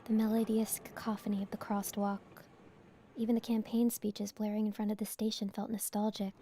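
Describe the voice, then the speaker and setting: A woman from New York giving soft, hushed voice to the narrator of a horror visual novel, as a whispered role-play. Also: mid-range voice, level tone, a little fast, slight background noise, natural voice.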